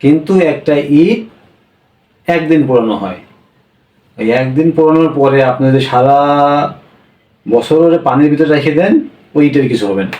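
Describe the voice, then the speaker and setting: A man teaching a language class, explaining slowly and repeating each point, often checking with a quick "yes?". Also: mid-range voice, dark tone. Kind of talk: classroom-style lesson. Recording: echoey room, voice from a distance.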